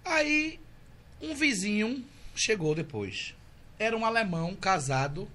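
Animated man, high and lively. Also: a little slow. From Brazil. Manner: animated, flamboyant storyteller who acts out dialogue. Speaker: guest. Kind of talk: casual storytelling interview. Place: indoor room with cameras.

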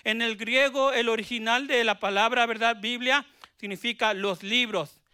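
A man preaching in a church, shouting praise and dropping hallelujahs between phrases, then joking with the congregation and having them repeat lines. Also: very high voice, fairly even intonation, normal speed, clean tone. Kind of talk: Pentecostal sermon with call-and-response. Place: church sanctuary.

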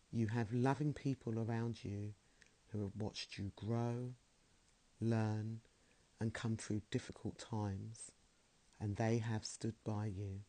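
A man leading a guided meditation in a slow, soothing, soft-spoken way. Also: on the low side.

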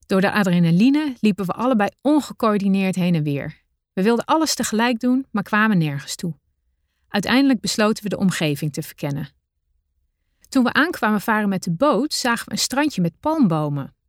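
A woman narrating her own adventure story in the first person, with a measured, deliberate reading style. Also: mid-range voice, animated, dry recording, clean studio sound.

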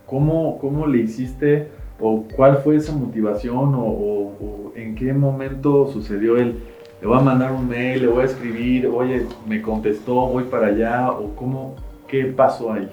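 A man's voice: mid-range voice, fairly even intonation, unhurried, warm tone, echoey room, muffled recording, faint music behind. A man, hosting a podcast and asking long, rambling questions. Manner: rambling, filler-heavy questions. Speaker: podcast host. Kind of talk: casual interview talk.

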